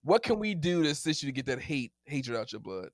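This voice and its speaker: Animated laughing man debating sports. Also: a little high, brisk, a crowd in the background. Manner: animated, teasing, laughs often. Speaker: podcast co-host.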